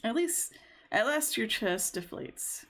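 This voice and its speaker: A woman reading a story game aloud, slowly, with amused asides. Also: on the high side, sing-song, fairly bright tone. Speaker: game streamer. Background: game music.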